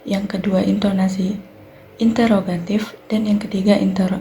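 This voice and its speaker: A woman's voice: medium pitch, little pitch movement, normal speed, dark tone, a little hiss or hum. Young Indonesian woman explaining grammar. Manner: clear explanatory delivery, fillers like "nah" and "baik". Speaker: university student presenting. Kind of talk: recorded class presentation.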